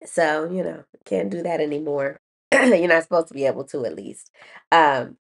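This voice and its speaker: A woman's voice: deep voice, expressive, normal speed, gravelly. A woman educator hosting a podcast, explaining a writing lesson in a chatty way, laughing at herself, with many ums and restarts. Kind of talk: casual teaching talk.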